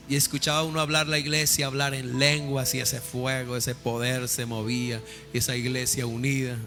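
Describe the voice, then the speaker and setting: A male pastor preaching a sermon with call-and-response questions, building to loud fervent peaks. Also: medium pitch. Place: church sanctuary. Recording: reverberant church hall with faint music.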